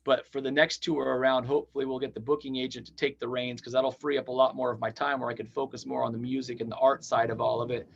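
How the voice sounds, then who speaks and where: A man's voice: medium pitch, flat delivery, vocal fry, husky, muffled recording. A man in his forties, a touring band frontman, chatting in an upbeat, rambling way as a podcast guest. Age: 40s. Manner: upbeat, rambling, talks fast in long runs. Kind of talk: casual interview chat.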